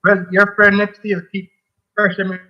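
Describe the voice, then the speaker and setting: A caller to a radio talk show, a man with a high voice, chats eagerly about cricket and keeps repeating himself. His delivery is completely flat at a moderate pace, heard over a lo-fi phone line.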